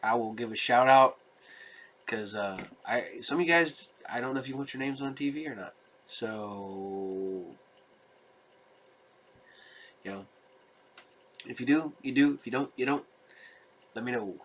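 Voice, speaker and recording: A man's voice: mid-range voice, unhurried, long pauses, a bit bright, a little hiss or hum. A middle-aged man hosting a show, chatting informally and a bit rambling to his viewers. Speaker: host of a cartoon show. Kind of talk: casual chat to viewers.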